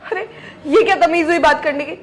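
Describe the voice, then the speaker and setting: A woman plays a hurt young wife who reproaches her husband, her voice high and emotional. She speaks with wounded feeling. Faint music sits beneath. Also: a little fast. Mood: reproachful. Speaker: wife in a family skit. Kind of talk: scripted family drama skit.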